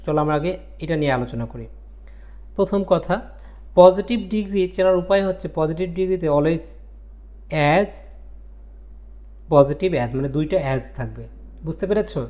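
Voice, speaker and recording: A man's voice: high voice, darkish tone. A man teaching a grammar lesson, explaining step by step, repeating key points and often asking his students whether they follow. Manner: mixes English grammar terms into his talk. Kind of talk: classroom lesson.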